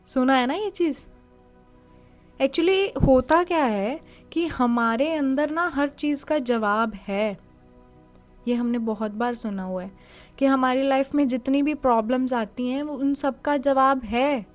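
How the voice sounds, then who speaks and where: Woman, high voice, motivational speaker, chatty, poses questions to the listener, soft music underneath. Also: measured pace. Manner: conversational, asks the listener rhetorical questions; gives calm step-by-step guidance. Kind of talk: motivational talk.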